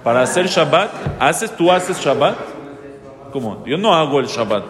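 A man's voice: a little high, big pitch swings, a little slow, a bit bright. A man, a rabbi, teaching a Torah lesson to a live audience, reading Hebrew verses and translating them, often asking and answering his own questions. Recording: reverberant hall.

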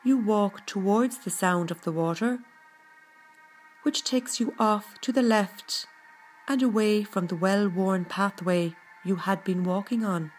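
Speaking at a very slow, measured pace, a woman narrates a scripted guided meditation in a calm, gentle, mid-range voice. Faint, soft music sits behind her, and the recording sounds poor.

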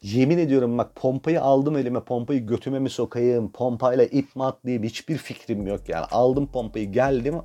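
A man's voice: mid-range voice, moderate pace, hardly any pauses, warm tone. A young man hosting a podcast, telling a comic personal story in a crude, self-mocking way and swearing freely. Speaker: podcast host.

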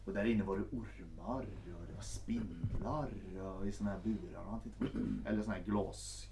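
A man's voice: on the low side, background noise. A man telling a story in a casual chat and acting out the people in it. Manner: animated, acts out every character.

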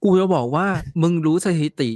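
A man's voice: fairly quick, a little mellow, no echo, clean studio sound. A man co-hosting a casual football podcast, blunt and swearing freely. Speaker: podcast co-host.

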